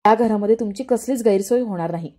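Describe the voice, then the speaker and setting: A woman's voice: mid-range voice, fast talker, mellow, lightly acted. A woman voicing a dutiful young daughter-in-law who answers politely and reassures, in a serial recap. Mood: obliging.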